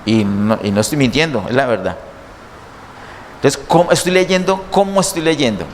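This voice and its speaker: A man's voice: medium pitch, expressive, normal speed. Questioning man preaching in a hall. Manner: teaching, asks many questions. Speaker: pastor. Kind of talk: sermon. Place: church hall. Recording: church hall reverb, faint noise.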